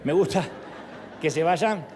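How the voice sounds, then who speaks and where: A middle-aged man preaching a sermon in an animated, humorous way, with sudden jumps in pitch. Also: slow pace, slight background noise. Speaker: pastor. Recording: reverberant hall with faint music.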